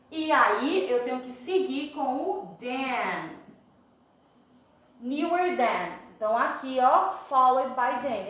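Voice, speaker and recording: A woman teacher with a Brazilian Portuguese accent who explains grammar step by step and reads the English examples slowly. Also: fairly high pitch, a bit bright. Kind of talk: online grammar lesson. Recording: very echoey room.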